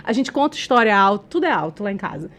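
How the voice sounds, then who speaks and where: A Brazilian woman who is a communication expert and a podcast guest, telling a personal story in an animated way, often laughing, who says she talks loudly by habit. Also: medium pitch, fast talker. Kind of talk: casual interview storytelling.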